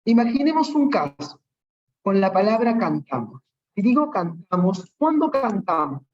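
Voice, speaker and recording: Unhurried and sing-song, the teacher's medium-pitched voice has a darkish tone, and the recording's highs are cut off. With a Peruvian Spanish accent, the teacher gives an online lesson, patiently covering many examples and regularly asking tag questions to check in.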